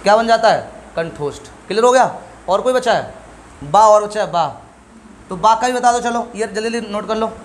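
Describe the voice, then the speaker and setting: A man's voice: high-pitched, moderate pace. A middle-aged male teacher giving a classroom lesson, asking questions and answering them himself while drilling sounds.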